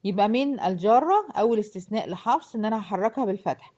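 Fast-talking Egyptian woman teacher. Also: medium pitch, expressive, warm tone, dull audio. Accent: Egyptian Arabic. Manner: explains step by step and checks often that students follow. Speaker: Quran recitation teacher. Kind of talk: explanatory lesson to a class of girls.

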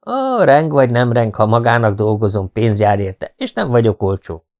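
A man's voice: medium pitch, lively intonation, a little mellow, close to an everyday voice. A man voicing a cold, imperious woman who calls herself Lady Death, speaking curtly.

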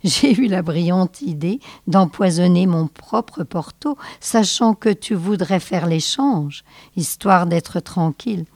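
A woman's voice: on the low side, lively intonation, slow, a little mellow, no room sound, heavily acted. A woman reading aloud and voicing a sly old wife in a storybook tale, sweet and mocking. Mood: smug. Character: sly old wife who poisoned her husband.

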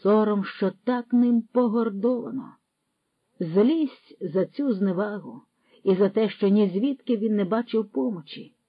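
A woman reading a classic story aloud as narrator, in a steady, expressive manner. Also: mid-range voice, unhurried, husky, dry recording. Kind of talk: audiobook reading of classic prose. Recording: dry, slightly dull audio.

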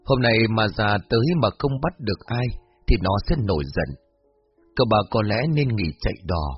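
A man voicing a frail, superstitious old grandmother in a spoken story, who talks in a weak, breathy way and scolds. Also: lowish voice, animated, moderate pace, natural voice. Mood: warning. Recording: muffled lo-fi with faint music.

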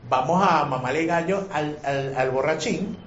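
An animated man leads a religious class and keeps firing questions at the group. His voice sits a bit high for a man. The sound is muffled and lo-fi, with echo from the room and faint background noise. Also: moderate pace. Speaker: teacher.

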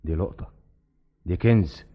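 A man's voice: low voice, normal speed. An actor playing a gray-haired, falsely kindly scheming man with an Egyptian accent, coaxing and sly. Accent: Egyptian Arabic. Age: older. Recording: lo-fi archive radio with music.

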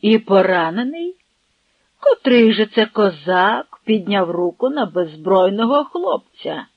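Reader plays sly stern Cossack chief, slow deliberate speech, dull recording. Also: male voice, high voice, very animated, no room sound, heavily acted. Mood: mocking. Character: confident Cossack leader, mocking and stern. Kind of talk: audiobook narration.

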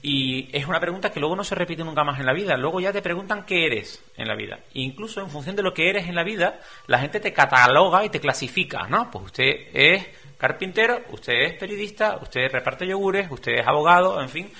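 A middle-aged man from Spain talks as a guest on a radio talk show. His voice is bright and forceful and sits a bit high for a man. He keeps it animated and conversational, with lots of rhetorical questions and playful quoted voices. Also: brisk, few pauses. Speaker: guest speaker.

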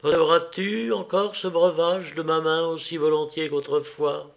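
A tender young woman, wistful and devoted, speaks to her old love in a soft, raised voice, put on by a man reading the tale aloud. Her words come slowly and gently, like an audiobook. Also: fairly high pitch, steady tone, creaky.

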